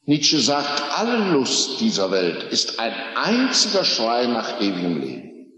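A man's voice: wildly swooping pitch, slow, pushed and bright. Fervent preacher man in echoing hall. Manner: fervent preaching, rising to high emphatic peaks, rhetorical questions. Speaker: pastor. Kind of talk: revival sermon. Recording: echoey hall, old recording.

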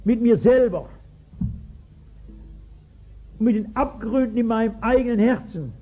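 An unhurried, very high male voice belongs to a pastor in his sixties. Preaching a sermon, he tells a Bible story emphatically and keeps asking his audience questions, all on a tinny recording from the 1960s.

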